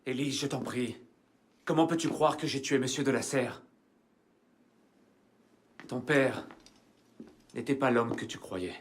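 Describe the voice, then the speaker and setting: A man's voice: medium pitch, a little slow, long pauses, natural voice. Young male assassin, male actor, earnest and pleading, video game dub. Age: young adult. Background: game music.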